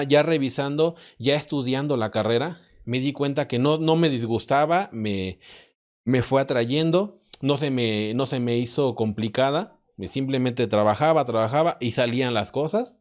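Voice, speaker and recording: Hesitant Mexican man reflecting aloud. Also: medium pitch. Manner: reflective, hesitant, restarts often. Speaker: podcast guest, math and physics professor. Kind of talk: casual podcast conversation.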